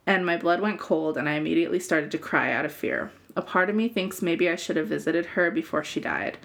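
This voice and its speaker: A woman's voice: deep voice, lively intonation, brisk, creaky, a bit bright. A woman co-hosting a podcast, reading out listeners' scary stories and chatting casually.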